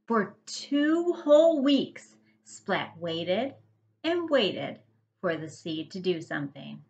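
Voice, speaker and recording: A first-grade teacher reads a picture book to young children, her medium-pitched voice animated and emphatic in true storytelling style.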